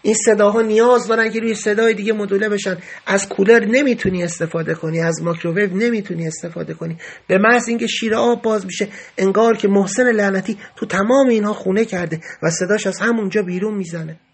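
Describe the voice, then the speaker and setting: Husky high-voiced man narrating his memoir. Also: fairly even intonation, few pauses. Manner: earnest, grave storytelling. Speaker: podcast narrator. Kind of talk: first-person memoir narration.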